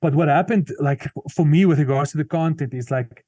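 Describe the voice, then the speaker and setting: A fairly high-pitched, dark-toned man talks a little fast, with no room sound in the recording. He's a South African comedian and musician with an Afrikaans accent, a guest in an interview conversation who shares his views earnestly and thoughtfully amid many restarts and fillers.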